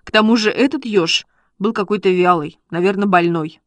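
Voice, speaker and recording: A woman narrating a children's story in a steady, measured reading. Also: mid-range voice, no room sound. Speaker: audiobook reader.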